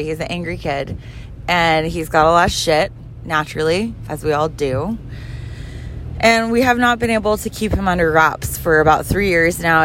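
A woman's voice: lowish voice, a bit bright, a little hiss or hum. Blunt, swearing woman ranting while driving. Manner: blunt, profane and rambling. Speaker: podcast host and mother. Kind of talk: casual driving vlog rant.

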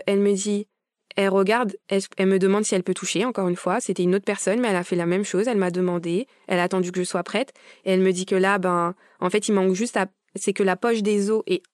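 A woman's voice: medium pitch, fast, dry recording. Young woman telling her birth story, gets emotional, does the voices, dry close mic. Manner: animated, acts out quoted dialogue. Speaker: podcast guest. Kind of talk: casual storytelling.

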